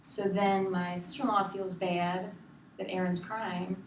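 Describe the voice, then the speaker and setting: A woman tells her story in an animated, exasperated way, acting out what others said. Her voice sits at a middle pitch and is picked up from a distance. The room is echoey, with a steady hiss behind her. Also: a little slow. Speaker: counseling client. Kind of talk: telling a story in a counseling session.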